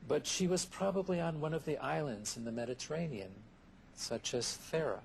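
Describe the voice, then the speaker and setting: Creaky man on a worn VHS tape copy. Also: on the high side, a little hiss or hum, low-quality recording. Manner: thoughtful, measured, lists ideas one by one. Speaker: interview guest, therapist. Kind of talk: reflective interview answers.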